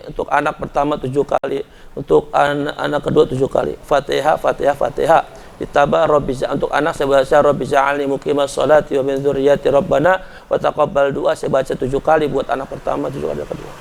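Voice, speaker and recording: A male preacher delivers a sermon in a chatty, direct way, turning to his listeners often. His voice sits high and carries a gravelly fry. At moments he builds into loud, fervent pleading. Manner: impassioned, rising to loud pleading at times; conversational, addresses congregation as Pak.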